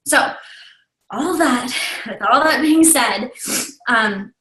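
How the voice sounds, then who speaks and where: On a video call, a team leader in her thirties talks frankly in a warm, open, confiding way, tearful and sometimes sniffling, with small laughs. Her voice is high with lively intonation and a slow pace. The audio is poor, in an echoey room with faint music behind.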